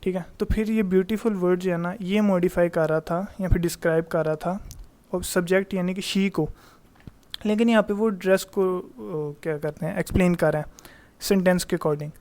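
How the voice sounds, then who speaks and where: A man teaching a grammar lesson in a voice-over, explaining in Hindi mixed with English terms, reading the English examples slowly and answering his own questions in a chatty way. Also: high-pitched, steady tone, darkish tone. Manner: reads English example sentences slowly and deliberately.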